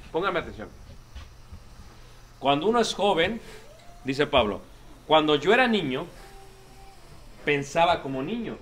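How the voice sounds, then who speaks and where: A man's voice: sits high, fairly bright tone. A man preaching a sermon, emphatic and repetitive, often calling the congregation "brothers". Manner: emphatic, repeats lines, addresses congregation as brothers.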